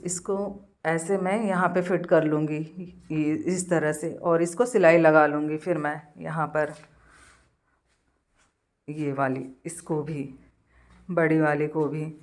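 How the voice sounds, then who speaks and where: A woman with a hoarse voice from a cold, casually narrating her daily routine and walking through a sewing job step by step, with pauses and fillers. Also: sits low, steady tone. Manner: slow, homely step-by-step explaining with many pauses and fillers. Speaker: home vlogger.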